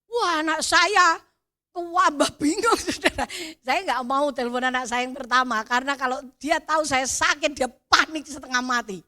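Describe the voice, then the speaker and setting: A middle-aged woman with a Javanese accent giving an animated sermon testimony, calling out to the congregation and swelling to near-shouts. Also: sits high, moderate pace. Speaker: preacher.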